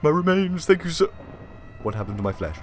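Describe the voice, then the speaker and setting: A theatrical male ghost speaks with a wavering, ghostly voice pitched above a man's usual low range, as a man puts it on. His lines are drawn out and lively as he thanks his rescuer. Faint music plays behind him. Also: a little fast. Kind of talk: Minecraft roleplay voice acting.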